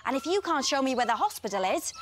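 A woman playing a cheerful, helpful young doctor in a children's TV show, talking in an animated, encouraging way. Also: high voice, fast talker, a little hiss or hum. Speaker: doctor character. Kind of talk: children's TV acting.

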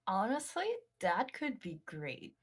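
A woman's voice: mid-range voice, big pitch swings, slow, breathy edge. A woman chatting casually as a guest on a stream, talking loosely and easily. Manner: giggly, chatty. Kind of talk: casual chat.

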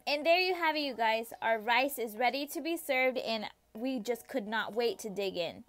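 Woman, fairly high voice, cooking tutorial voice-over, friendly step-by-step instructions, faint music underneath. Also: moderate pace, fairly bright tone. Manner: friendly, repetitive instructions addressed to viewers. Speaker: home cook and channel host.

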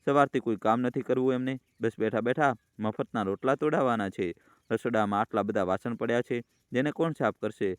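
A man's voice: fairly quick, smooth, no echo, clean studio sound, natural voice. A man voicing a harsh, bossy young wife who mocks and scolds. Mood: scolding. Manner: shrill, mocking, bossy.

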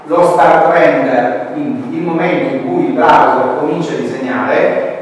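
A man's voice: medium pitch, far from the mic. A man in his thirties with an Italian accent gives a technical meetup talk, hesitating with many fillers and restarts. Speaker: meetup speaker. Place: small meetup room with brick walls. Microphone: far room mic, no headset. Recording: echoey room recorded from afar, faint noise.

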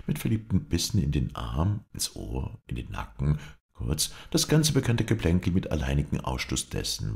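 A man narrating a classic tale as an audiobook reader, with expressive storytelling. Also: extremely low pitch, gravelly.

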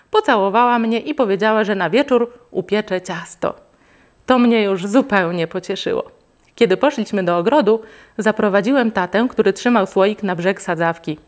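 Female reader for a kids' story, expressive, mid-pitched. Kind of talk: reading a children's book aloud.

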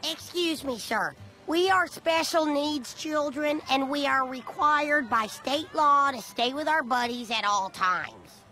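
An earnest young cartoon boy, who tends to scheme and whine. The voice is high and bright, and faint music plays underneath. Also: animated, slow, hardly any pauses, full character voice. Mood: mock-formal.

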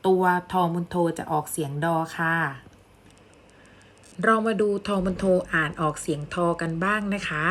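A woman teacher giving a children's language lesson, speaking patiently and clearly, repeating words slowly for the pupils. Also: lowish voice, fairly bright tone.

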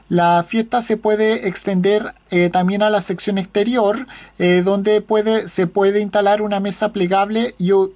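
A man's voice: sits high, darkish tone. A man reads a car news article aloud from his computer screen. He talks in a casual vlog style, hesitating often, filling gaps with "eh" and correcting himself mid-phrase. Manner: hesitant, many fillers and self-corrections.

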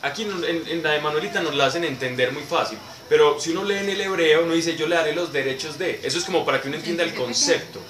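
Male Bible teacher explaining to a class, somewhat high voice, heard from a distance in an echoey, noisy room. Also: fast talker, hardly any pauses, a bit bright. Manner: explanatory, answers questions, repeats words for emphasis.

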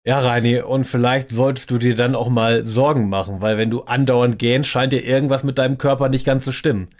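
A man's voice: medium pitch, fairly even intonation, fairly quick. A man hosting a reaction video, giving mocking commentary in a dry, sarcastic tone. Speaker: reaction channel host.

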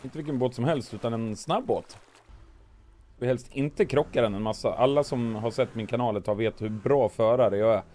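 This gaming video host has a voice worn hoarse by weeks of coughing, and he jokes through his gameplay, voicing his actions with silly sound words. The tone is dark at a medium pitch, with a faint hiss or hum underneath.

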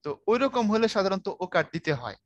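A man's voice: high-pitched, big pitch swings, fast talker, dry recording, muffled recording. A man teaching a Bangla writing lecture in a casual, conversational way, often checking whether his students follow. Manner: conversational, asks students if they follow, colloquial speech.

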